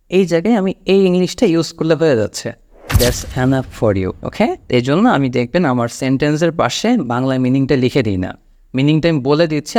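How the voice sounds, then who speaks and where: A young man with a Bengali accent, teaching spoken English in a patient, explaining manner and slowing down on example sentences. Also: on the high side, darkish tone.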